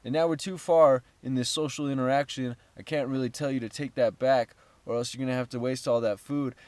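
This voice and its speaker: A young man chats in a casual vlog about his startup, upbeat and jokey, rambling as he tells stories. His mid-range voice stays steady and a little mellow, moving a little fast, in a dry recording.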